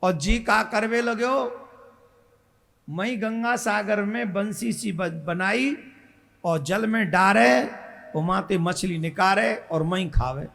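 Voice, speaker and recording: A middle-aged man with a Braj accent telling a devotional story to a large gathering, rousing the crowd to cheer loudly. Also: sits high, takes it slowly, creaky. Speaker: spiritual storyteller. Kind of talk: devotional sermon.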